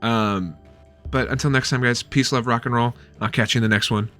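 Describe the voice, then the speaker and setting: A man's voice: medium pitch, steady tone, fairly quick, fairly bright tone, faint music behind. A man in his thirties giving a loose, rambling book review at home, swearing freely.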